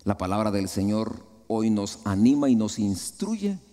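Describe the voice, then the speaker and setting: A man with a Guatemalan Spanish accent preaching a sermon, rising high, then dropping to soft, low asides. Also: big pitch swings, unhurried. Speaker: pastor. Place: large church hall. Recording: long hall reverb.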